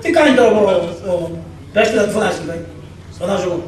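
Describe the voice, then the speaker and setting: Man, storytelling sermon, animated, roomy hall echo, faint hum behind. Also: sits high. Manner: animated, acts out dialogue in the story. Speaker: speaker at a church gathering. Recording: echoey hall from far off.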